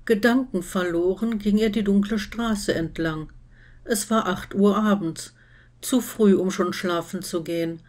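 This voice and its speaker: A woman reading fan fiction aloud in steady, scripted storytelling narration. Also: medium pitch, a little slow. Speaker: reader.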